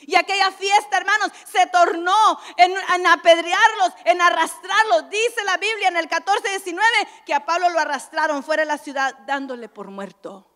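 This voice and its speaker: A woman preaching a sermon at a church convention, dramatic, with sudden swings from loud exclamations to hushed asides. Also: extremely high pitch, moderate pace, hardly any pauses. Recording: church hall reverb.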